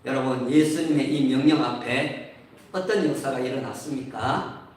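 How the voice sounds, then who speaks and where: A Korean man preaching a Sunday sermon as pastor, explaining a scripture passage slowly. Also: mid-range voice. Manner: explains slowly, sings briefly. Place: church sanctuary. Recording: echoey church hall from far off.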